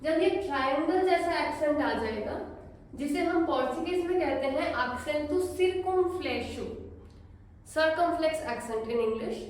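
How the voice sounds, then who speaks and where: A high-voiced woman teaches a language lesson, drilling each word slowly and repeating it for her learners. She switches freely between Hindi and English. Her voice comes from some distance off the mic, in a strongly echoing room. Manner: slow, careful teaching with repeated drill words.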